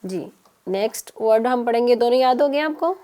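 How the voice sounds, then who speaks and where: A woman teaching children on a TV lesson, patient and coaxing, repeating syllables slowly. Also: on the high side, expressive, dark tone, a little hiss or hum. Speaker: Quran teacher.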